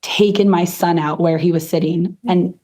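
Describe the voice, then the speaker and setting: A woman in her thirties giving an earnest, emotional interview account, her voice hoarse and worn from exhaustion. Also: fairly low pitch, steady tone, moderate pace, dark tone. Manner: earnest, faith-filled. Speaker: interviewed hurricane survivor.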